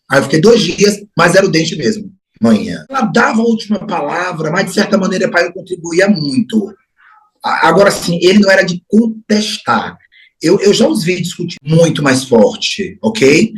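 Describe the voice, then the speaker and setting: A middle-aged Brazilian man in an interview, recalling his family in an unhurried, reflective way, lingering on words and trailing off into soft asides. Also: a little high, poor audio. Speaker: interview guest. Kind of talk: reflective personal memories.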